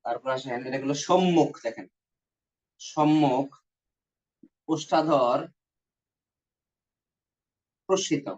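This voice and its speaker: A man's voice: fairly high pitch, a little slow, darkish tone. A man teaching an exam-prep grammar lesson with a Bangladeshi Bengali accent, repeating points and sounding out vowels for his students. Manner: repetitive, coaxing, demonstrates vowel sounds aloud. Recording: dull lo-fi recording.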